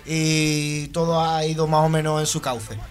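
A man's voice: fairly high pitch, little pitch movement, normal speed. A man, a band member on a radio show, talking informally and often asking "you know?". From Málaga, Spain. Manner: informal, keeps adding "¿sabes?". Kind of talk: casual radio interview. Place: radio studio.

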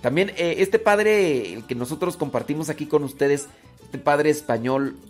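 Mexican radio guy, ranchero accent, kinda high voice, rambles w lots of fillers, faint music behind. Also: normal speed. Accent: Mexican, rural ranchero speech. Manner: rambling, with many fillers and restarts. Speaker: radio host. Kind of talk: casual radio talk to listeners.

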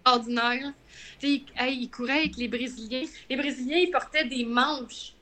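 Bright high-voiced Quebec woman telling a story. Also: moderate pace, slight background noise. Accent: Quebec French. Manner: animated storyteller, acts out quoted lines. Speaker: guest runner. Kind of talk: casual podcast chat.

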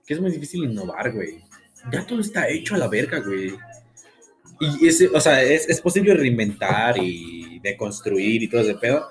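A man's voice: medium pitch, moderate pace, soft background music. A young man from Mexico with a Mexican Spanish accent, co-hosting a podcast in casual, profane chat. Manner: slangy, profane, excitable. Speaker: podcast co-host.

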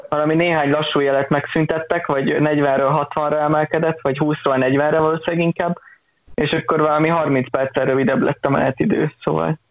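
Flat-voiced man on a phone-like line. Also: a little high. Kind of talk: casual panel discussion.

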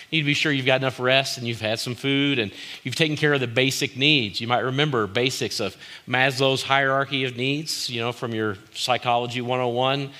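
Bright-voiced man preaching a sermon. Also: medium pitch. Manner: short phrases repeated for emphasis, informal asides. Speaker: pastor.

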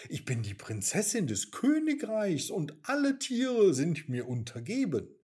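A man's voice: high-pitched, sing-song, takes it slowly, darkish tone, slightly rough, pitched above the performer's own voice, full character voice. A man voicing a spoiled, haughty young mouse princess who talks snippily and bosses others around.

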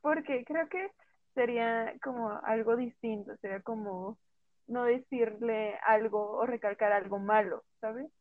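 Woman co-chatter, higher voice, tinny dry phone sound, animated quoting. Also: measured pace, no echo. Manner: talkative, acts out quoted remarks. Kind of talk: casual chat.

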